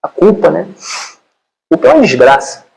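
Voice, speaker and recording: A Brazilian man with a slightly high voice lectures informally. He retells a film to his listeners in animated, colloquial storytelling, leaning on repeated fillers. His Portuguese accent is plainly Brazilian. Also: normal speed, creaky, poor audio.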